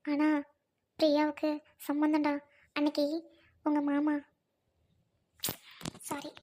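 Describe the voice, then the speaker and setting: A woman playing a gentle, grieving widowed elder sister who speaks softly and pleads with her younger brother. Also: sits high, monotone, slow pace. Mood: worried.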